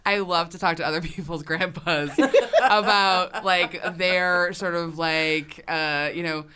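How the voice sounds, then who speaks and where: A woman's voice: fairly low pitch, fairly even intonation, slow pace, bright, forceful tone, slight background noise. A woman hosting a pop culture podcast, chatting enthusiastically with casual fillers. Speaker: podcast co-host. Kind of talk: casual chat.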